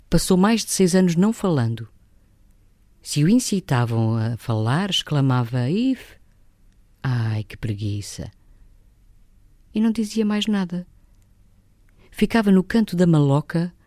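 A woman, an actress, reading a novel excerpt as literary narration in a measured, expressive storytelling manner. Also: low voice, no room sound, clean studio sound.

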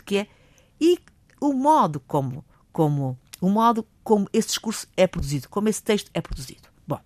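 An older woman with a European Portuguese accent, a teacher explaining public speaking in a lively way, acting out examples. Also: fairly low pitch, no echo. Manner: lively, acts out examples, admits speaking fast.

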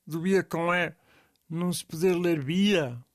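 A man's voice: fairly high pitch, takes it slowly, no echo, studio quality. A man with a European Portuguese accent in comic scripted banter, asking puzzled questions and giving in easily.

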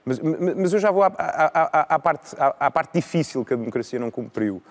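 Measured Portuguese man in his thirties. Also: a little high, animated. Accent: European Portuguese. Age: 30s. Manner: measured, with frequent repetitions and restarts. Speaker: law lecturer and debate guest. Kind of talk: live panel debate.

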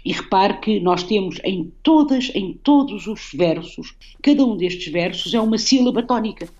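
A woman with a European Portuguese accent talks through a poem with reflective, analytical care, often checking in with a quick tag question. Her voice sits at an ordinary middle pitch. The sound is a little dull and muffled, like an older broadcast. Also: animated, darkish tone. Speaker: guest poet. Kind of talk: radio conversation about poetry.

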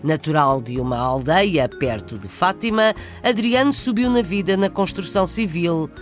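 Lively news presenter over music. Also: mid-range voice, moderate pace. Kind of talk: scripted news reading.

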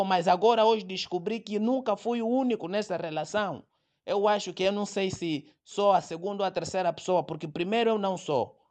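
A man, rambling through an aggrieved comic monologue. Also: sits high.

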